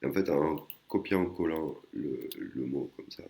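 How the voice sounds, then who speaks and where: A man teaching a language lesson in a casual way, with many pauses and fillers, explaining patiently and often adding a tag word at the end of his sentences. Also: very deep voice, expressive, creaky, dark tone. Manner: hesitant, many fillers and restarts. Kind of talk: casual screen-recorded lesson.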